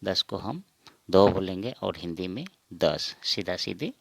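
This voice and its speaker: Slow, gravelly low-voiced man teaching. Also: expressive, slight background noise. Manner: repeats each word, asks and answers himself. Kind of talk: slow spoken counting lesson.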